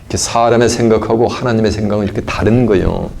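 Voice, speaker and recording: A man preaching a sermon. He keeps asking his listeners questions and answers them himself, and he moves between loud emphatic lines and low asides. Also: steady tone, fast talker, creaky, slight background noise. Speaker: pastor.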